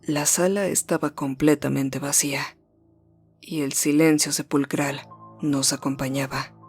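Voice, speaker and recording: A narrator reading a first-person horror story in a measured, suspenseful way, slowing down and dropping low at the tense moments. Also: fairly even intonation, slightly rough, faint music behind.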